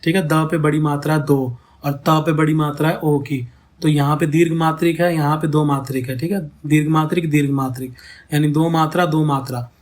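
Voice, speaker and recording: Man, teacher, slightly high pitch, patient step-by-step explaining, repeats example words slowly. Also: fairly even intonation. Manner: checks in often with "theek hai" and "hai na". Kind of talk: ghazal meter lesson.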